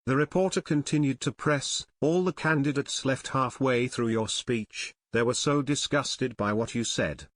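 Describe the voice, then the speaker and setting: A man's voice: mid-range voice, fairly bright tone, no room sound. A man reading a scripted news report, giving the quoted lines in his own plain narrating voice.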